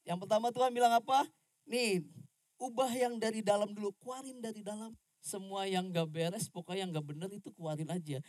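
A woman's voice: mid-range voice, brisk, a little mellow, no echo, studio quality. A woman preaching a casual youth sermon, chatty, with frequent tag questions and slang, acting out quoted lines. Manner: acts out quoted lines with shifting voice.

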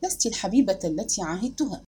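A woman's voice: mid-range voice, very animated, fast talker, mellow, breathy edge. A woman voicing an anxious young husband who pleads earnestly with his wife. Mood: pleading.

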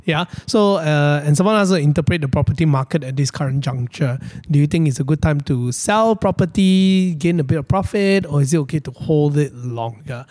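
A man's voice: on the high side, animated, a little fast, few pauses, darkish tone. A man with a Malaysian accent speaking colloquial Malaysian English, co-hosting a casual market chat and taking audience questions. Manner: colloquial Malaysian English with lah and lor particles. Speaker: co-host reading audience questions.

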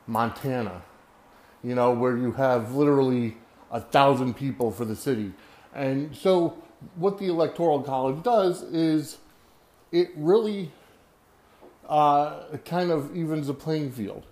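An American man hosting a podcast, talking unscripted on his own in a rambling, halting way, often searching for his words. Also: on the high side, darkish tone. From United States. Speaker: podcast host. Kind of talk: unscripted solo podcast monologue.

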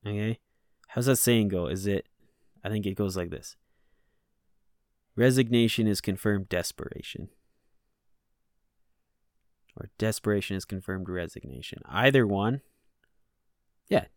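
A man's voice: sits low, dry recording, studio quality. A man hosting a solo podcast, talking bluntly and with profanity as he rants about self-responsibility. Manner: blunt and profane, ranting with rising frustration. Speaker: podcast host. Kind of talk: casual solo podcast monologue.

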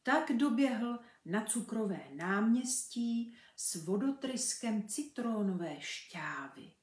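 Expressive woman reading to children. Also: fairly high pitch. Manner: lively, expressive. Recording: echoey room.

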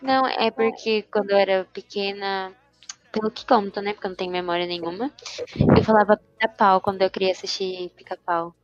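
A young woman tells lively, joking stories on a podcast. Her voice is close and dry but a bit muffled, with faint music underneath. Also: medium pitch, a little fast, dry recording. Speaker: podcast co-host. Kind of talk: casual podcast chat.

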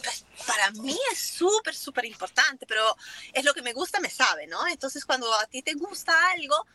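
Here the same Italian-and-English-speaking business owner, from Italy and Germany, chats informally as an interview guest in accented Spanish sprinkled with English. She sounds high, very animated and sharp at a moderate pace, with no room sound in the recording.

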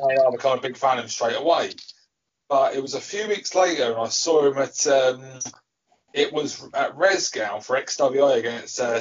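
A man's voice: medium pitch, slight background noise. Rambling British man, muffled audio. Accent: British English. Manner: rambling, stop-start storytelling. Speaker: podcast co-host. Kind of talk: casual chat.

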